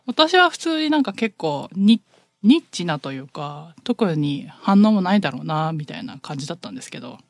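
A woman in relaxed conversation, telling her stories with animation and frequent laughter. Her pitch moves in wide, expressive swings. The sound is dry and close, with no room around it. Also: fairly quick, creaky, no room sound. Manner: animated storyteller who laughs often. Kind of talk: casual chat.

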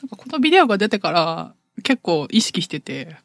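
A woman chatting casually as a podcast co-host, telling animated stories and laughing often. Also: fairly low pitch, a little fast, dry recording, studio quality. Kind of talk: casual chat.

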